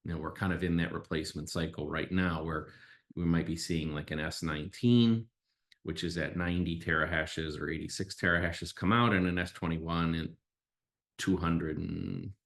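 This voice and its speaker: Podcast host, male, low voice, emphatic opinionated explainer who poses his own questions, recorded in an echoey room. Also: fairly even intonation, normal speed, creaky. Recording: roomy, echoey sound.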